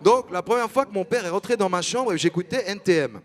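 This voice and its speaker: A man's voice: high voice, animated, fairly quick, background noise. Cheeky young male stand-up comic. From Switzerland. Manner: cheeky, chatty, teasing the audience. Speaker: stand-up comedian. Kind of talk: stand-up routine. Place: stage before a live audience.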